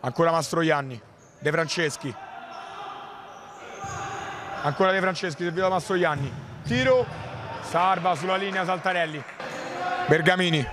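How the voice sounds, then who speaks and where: High-pitched excited male sports commentator, noisy hall. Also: moderate pace. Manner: excited, clipped play-by-play with sudden shouted goal calls. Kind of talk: futsal match commentary.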